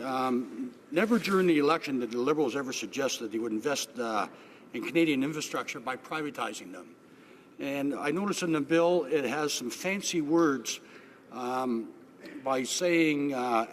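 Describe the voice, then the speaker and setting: Male MP posing a question in parliament speech style, hesitant delivery, fairly high register, light background noise. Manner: halting, with many hesitations. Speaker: member of parliament. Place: legislative chamber.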